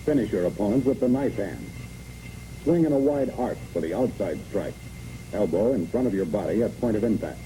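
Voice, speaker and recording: An American training film narrator reads scripted 1960s military instructions as clipped, imperative, step-by-step commands. His voice is mellow, on the low side, a little fast, with lively intonation, heard on a noisy, muffled 1960s soundtrack.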